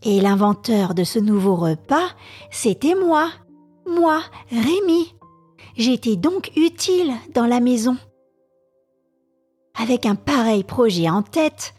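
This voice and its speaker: A woman narrating a classic novel slowly and deliberately as a storytelling podcast host. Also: medium pitch, breathy edge. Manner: slow, soft and deliberate.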